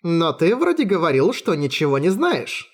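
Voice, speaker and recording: A man's voice: on the high side, very animated, brisk, breathy edge. A man voicing a cocky young sorceress who threatens a prisoner with teasing, coldly sweet menace in an audiobook. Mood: mock menacing.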